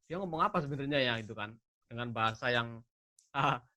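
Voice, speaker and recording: A man's voice: medium pitch, fairly quick, sharp tone. A man talking casually as a guest, giving earnest advice and explaining step by step, often asking himself rhetorical questions. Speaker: scholarship awardee guest.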